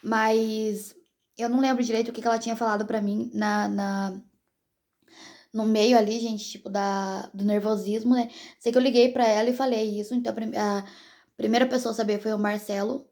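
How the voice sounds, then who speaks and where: A woman's voice: mid-range voice, level tone, a little fast, dark tone. A young pregnant woman from Brazil chatting casually to her viewers as a vlogger, in a rambling, direct way.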